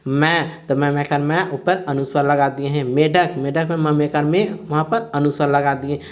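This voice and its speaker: A man's voice: a little high, steady tone, normal speed. A man teaching a textbook question-answer lesson, explaining step by step and checking in often.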